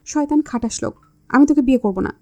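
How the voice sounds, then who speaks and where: A woman voicing a feisty, shy young woman who is quick to anger, scolding and indignant. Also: sits high, warm tone, lightly acted.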